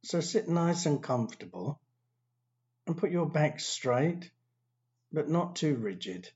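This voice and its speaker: A man guiding a meditation, giving slow, calm, soothing instructions with long pauses. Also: fairly high pitch, lo-fi sound. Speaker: meditation teacher. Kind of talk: guided meditation.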